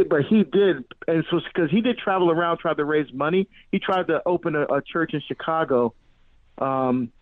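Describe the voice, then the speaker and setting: A man's voice: fairly high pitch, no room sound. Middle-aged man on a tinny phone line. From born in Barbados, grew up in New Jersey. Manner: animated storyteller, many restarts and fillers. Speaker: guest. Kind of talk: radio interview.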